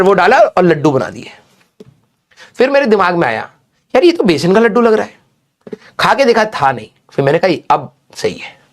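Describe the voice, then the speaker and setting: A man teaching a class breaks off into a funny childhood story, his high voice leaping up and down. He tells it in an animated way and keeps asking his students a quick "okay?" as he goes.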